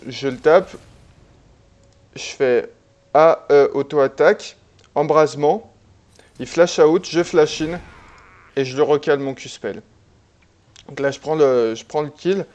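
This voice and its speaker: A man casually commenting on a replay of his own online game, relaxed and chatty, with many fillers and restarts. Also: fairly high pitch, slow pace, pauses often.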